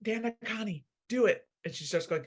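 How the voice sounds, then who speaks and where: A woman's voice: medium pitch, a little fast, breathy edge. A woman on a casual podcast, recounting film scenes and quoting dialogue with giggles. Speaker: podcast guest.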